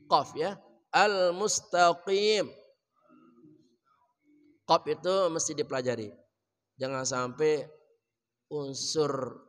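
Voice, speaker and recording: Man chanting verses in reverberant hall. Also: fairly high pitch. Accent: Indonesian. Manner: chants verses melodically, then explains pronunciation softly and quickly. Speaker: Quran teacher. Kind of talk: Quran recitation lesson in a mosque. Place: mosque hall.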